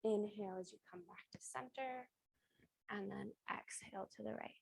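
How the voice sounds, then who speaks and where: Woman aerobics instructor with a creaky edge. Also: medium pitch, moderate pace, no room sound, poor audio. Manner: encouraging, instructional cueing in short phrases. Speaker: fitness instructor leading a beginner strength and flexibility class. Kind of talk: aerobics instructor cueing exercises with counts.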